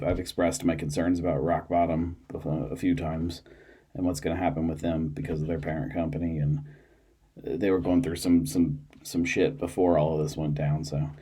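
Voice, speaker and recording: A man's voice: low voice, warm tone, husky. A man hosting a podcast on his own in a small studio, tired and yawning, chatting in a loose, rambling way with lots of fillers and restarts. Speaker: podcast host. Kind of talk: casual solo chat.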